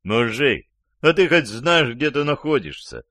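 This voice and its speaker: Мужчина изображает язвительного ревнивого любовника. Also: male voice, medium pitch, very animated, measured pace, fairly bright tone, dry recording, studio quality. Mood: mocking, angry. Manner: sarcastic, gloating. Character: angry mocking man, jealous lover.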